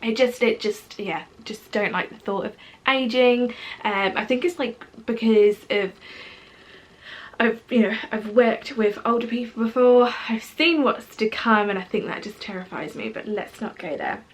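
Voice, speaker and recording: A woman's voice: a little high, a little slow. A woman in her twenties with a British accent, chatting casually to camera as a vlogger, rambling and full of fillers. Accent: British English. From Portugal. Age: 20s.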